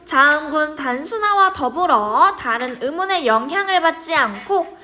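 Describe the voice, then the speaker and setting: A woman's voice: sits high, lively intonation, normal speed, bright, forceful tone. A young woman teaching a grammar lesson, chatty and checking in with her students often.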